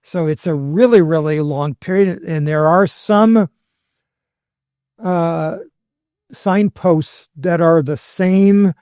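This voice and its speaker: A man's voice: a little high, slow pace, darkish tone, smooth, no room sound, clean studio sound. A man speaking as a historian guest on a podcast, explaining in a conversational lecture style with wry humorous asides.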